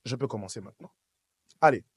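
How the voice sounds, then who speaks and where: Speaking fast in a medium-pitched, slightly rough voice, a Swiss pastor directly addresses his congregation during a church service. The sermon, recorded dry, is emphatic and repetitive with call and response.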